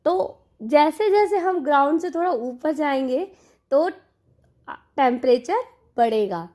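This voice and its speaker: Her voice high-pitched and mellow, this woman teaches slowly yet with animation in an online exam-prep lesson. She explains in a blend of Hindi and English, going back over the key terms for her learners.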